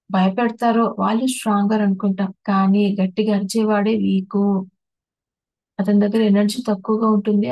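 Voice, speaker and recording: Woman, meditation teacher, mellow dark tone, dry close sound, patient step-by-step explainer. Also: mid-range voice, gravelly, dry recording, rough recording. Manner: explains patiently, lists terms one by one with restarts. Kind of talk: spiritual talk on emotions.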